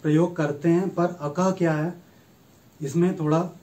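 A man giving a recorded university lecture on grammar, reciting letters and rules one by one in a slow, methodical way. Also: fairly high pitch, fairly even intonation, dark tone, poor audio. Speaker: Sanskrit lecturer.

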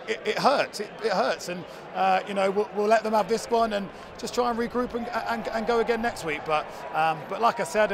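A young man, a rugby head coach, giving a frank post-match interview outdoors beside the pitch, quickly repeating words as he talks. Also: creaky. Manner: rapid, repeats words, frank about defeat. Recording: crowd noise outdoors.

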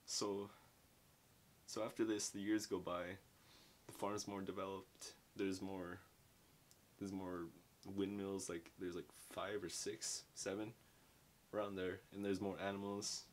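A young man with a deep, low-pitched voice talks through a book review in a loose, rambling way. He is full of slang and "like"s, and his voice picks up a faint rumble behind it in his small bedroom. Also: flat delivery, a little slow, long pauses. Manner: rambling, slangy, filler-heavy with lots of "like". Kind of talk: casual spoken book review. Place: small dim bedroom at home.

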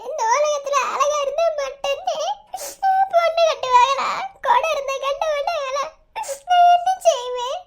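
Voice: extremely high pitch, moderate pace. A performer voicing a sad, bitter young woman in a cartoon, sulky and weepy, with a Madurai accent. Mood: weeping. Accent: Madurai Tamil. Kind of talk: cartoon voice acting.

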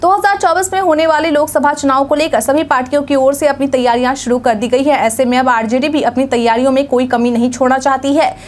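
A young woman anchoring a regional news bulletin, reading the news in a formal, even newsreader delivery from a studio desk. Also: high-pitched, fast, hardly any pauses. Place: studio news set, indoors.

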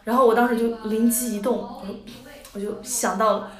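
A young woman in her twenties spins a funny story for her audience, animated and quick to giggle. She slips into playful voices whenever she quotes someone. Her voice sits a little high and rings in an echoey room. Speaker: idol group member. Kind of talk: casual storytelling to a livestream audience.

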